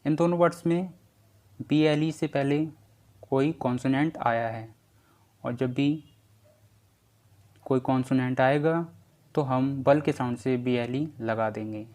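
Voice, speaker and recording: Slow, patient male teacher. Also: mid-range voice, fairly even intonation, a little mellow. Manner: slow, patient and repetitive, drawing out letter sounds. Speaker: English pronunciation teacher. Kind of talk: slow spelling lesson explanation.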